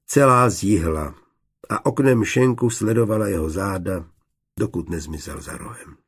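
A man narrating an audiobook in a steady, measured way. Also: on the low side, breathy edge.

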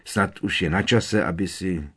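A man's voice: low-pitched, breathy edge. A man voicing a polite, curious teenage boy wizard in a storybook, asking plain, puzzled questions.

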